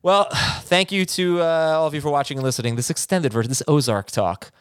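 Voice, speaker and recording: A man's voice: on the high side, a little fast, clear, resonant tone, dry recording, clean studio sound. A man with an American accent hosting a podcast, chatting informally and giving his opinions on a TV show. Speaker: podcast host. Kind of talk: casual chat, TV show discussion.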